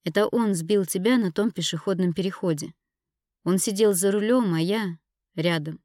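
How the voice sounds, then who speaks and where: A woman's voice: medium pitch, normal speed, darkish tone, no echo, studio quality, natural voice. A woman reading an audiobook, voicing a spiteful, scornful young woman who mocks and accuses her rival. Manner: mocking, accusing. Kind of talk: audiobook character voice.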